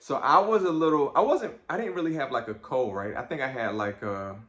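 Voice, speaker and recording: A man's voice: mid-range voice, a little fast, a bit bright, echoey room, highs cut off. A middle-aged man co-hosting a podcast with his daughter, talking in a playful, teasing, laid-back way with lots of fillers. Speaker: podcast co-host, father. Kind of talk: casual chat.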